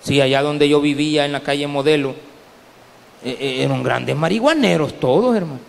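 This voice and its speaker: A male pastor with a Salvadoran Spanish accent, preaching a story-filled sermon that swings from quiet asides to loud pleas. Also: fairly high pitch, moderate pace, creaky. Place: church hall. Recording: long reverb of a church hall.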